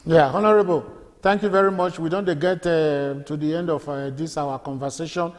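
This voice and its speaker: A man's voice: a little high, fairly even intonation, brisk. Nigerian male host, reverberant sound. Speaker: interviewer, host. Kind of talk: interview questions. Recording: long reverb.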